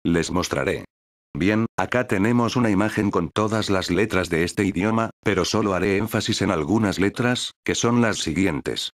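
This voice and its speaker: Synthetic text-to-speech man, low and dry. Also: normal speed, no echo. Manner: evenly paced synthetic text-to-speech reading. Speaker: narrator. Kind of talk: scripted educational narration.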